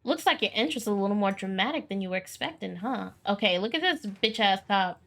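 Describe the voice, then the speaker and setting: A woman's voice: mid-range voice, animated, a little fast, gravelly, fairly bright tone. A woman voicing a friendly, chatty small-town young woman with a folksy, theatrical manner. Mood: teasing.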